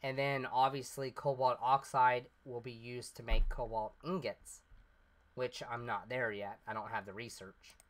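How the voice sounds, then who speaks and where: Still a little stuffed up after being ill, the let's play host comments casually on his gameplay in a medium-pitched, somewhat bright voice. His talk rambles along step by step, padded with fillers.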